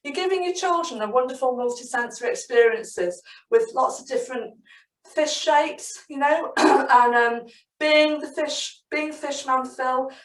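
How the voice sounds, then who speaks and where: A woman who tells stories and gives teacher training, talking in an animated, sing-song way. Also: sits high, unhurried. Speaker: storyteller and early-years trainer. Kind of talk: webinar storytelling and teaching. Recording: roomy sound from a distant mic.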